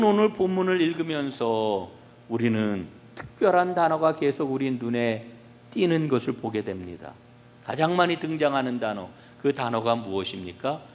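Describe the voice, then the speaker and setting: Male pastor, sermon, somewhat high voice, rhetorical questions to the congregation, long church-hall reverb. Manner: asks the congregation rhetorical questions, swings between soft and loud emphasis. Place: church sanctuary.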